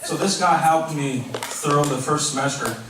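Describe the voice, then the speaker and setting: Chinese-accented young man, very echoey room. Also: fairly high pitch. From China. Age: 20s. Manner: non-native, halting English with slips and repeats. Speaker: best man. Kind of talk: informal wedding speech. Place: large echoey room at a wedding reception. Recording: very echoey, distant mic, clearly noisy.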